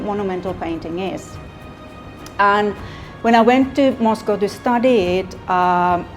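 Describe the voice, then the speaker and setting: A middle-aged woman with a Finnish accent, an artist speaking slowly and thoughtfully in an interview, pausing often with fillers. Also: medium pitch. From Finland. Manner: slow, thoughtful, with many pauses and fillers. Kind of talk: interview monologue.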